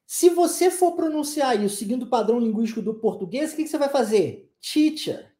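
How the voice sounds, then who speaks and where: A man's voice: very high voice, expressive, quick pace, warm tone, roomy sound. A man with a Southeastern Brazilian accent teaching an online language lesson, playful and making sound effects to show pronunciation. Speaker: English teacher.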